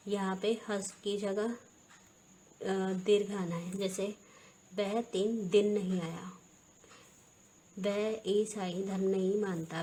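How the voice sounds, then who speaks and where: A woman teacher giving a recorded grammar lesson to schoolchildren, explaining slowly, repeating terms and answering her own questions. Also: mid-range voice, a little mellow, a little hiss or hum, low-quality recording.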